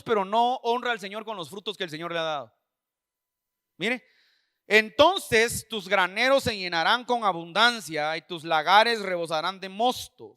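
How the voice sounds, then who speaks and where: A man delivers a sermon in a strikingly high, bright voice. He preaches with fervor, repeating phrases and speaking straight to his listeners. The recording is dry and close, with almost no room sound. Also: no room sound. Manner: impassioned, repetitive preaching with direct address. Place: church service.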